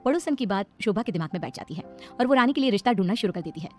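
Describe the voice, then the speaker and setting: Woman narrator, fast, matter-of-fact storybook reading. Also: medium pitch, expressive, soft background music.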